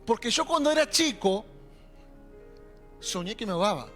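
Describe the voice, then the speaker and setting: A young adult man preaching a sermon in a Rioplatense accent, animated and calling out to the congregation. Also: high voice, normal speed. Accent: Rioplatense Spanish. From Argentina. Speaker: pastor. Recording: faint music behind.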